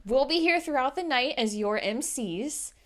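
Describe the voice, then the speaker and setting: A woman with a fairly high voice co-hosts a livestreamed film screening. She reads friendly, welcoming announcements from a script. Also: expressive, a little slow. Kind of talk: scripted event hosting.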